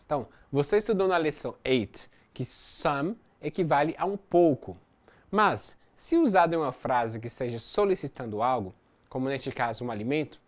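Course teacher, methodical explainer, animated intonation, mid pitch. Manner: explains step by step, reads English examples slowly. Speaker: English teacher. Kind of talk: recorded distance-learning lesson.

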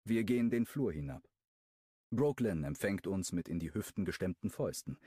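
Male audiobook narrator, first-person romance: low, slightly husky, animated delivery, dry close sound. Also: normal speed, dry recording. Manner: lively first-person storytelling. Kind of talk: scripted narration.

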